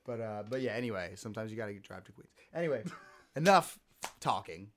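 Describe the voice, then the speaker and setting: A man with a scratchy throat and a voice on the low side hosts a casual sports podcast, sounding expressive and brisk. He rambles, interrupts himself, and restarts his sentences again and again.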